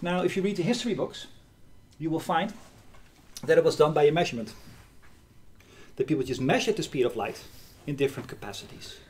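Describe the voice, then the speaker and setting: A middle-aged university lecturer giving a live physics lecture in a hall, lively and often checking in with the class. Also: male voice, on the high side, fairly quick, long pauses, slight background noise. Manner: lively, asks the class questions.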